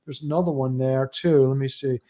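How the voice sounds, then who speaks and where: A man's voice: medium pitch, fairly even intonation, a little fast, mellow. A man hosting a livestream show, giving audio news in a loose, rambling casual chat.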